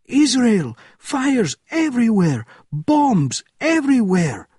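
A man voicing a panicked, frantic military guard officer in an audiobook thriller, shouting in alarm. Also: very high voice, wildly swooping pitch, takes it slowly, breathy edge, no echo, studio quality, voice pushed up, full character voice. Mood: frantic screaming. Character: panicked gatehouse officer screaming about fires and bombs.

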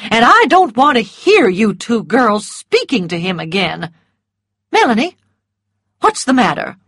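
A woman's voice: a little high, big pitch swings, a little slow, a bit bright, husky, no room sound, studio quality, voice pushed up, full character voice. Woman voicing a stern, scolding society matron. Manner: scolding, imperious.

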